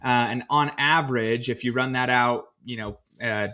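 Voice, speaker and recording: A man co-hosting a podcast, recounting his own finance choices in a relaxed, storytelling way with plenty of fillers. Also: medium pitch, moderate pace. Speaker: podcast co-host. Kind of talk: casual podcast discussion.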